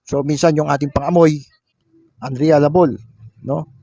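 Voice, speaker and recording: A man's voice: on the high side, fairly even intonation, normal speed, gravelly, warm tone, breathy edge, no echo. Man lecturing, dry sound. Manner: explanatory, frequent tag "no?", reads English definitions then explains. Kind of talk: classroom lecture mixing Tagalog and English.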